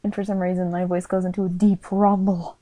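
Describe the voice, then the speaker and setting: A woman giving a casual spoken review who talks quietly, hesitates often and keeps apologizing. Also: fairly low pitch, little pitch movement, a little fast, no echo. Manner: hesitant and apologetic, many fillers; speaking quietly. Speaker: character reviewer.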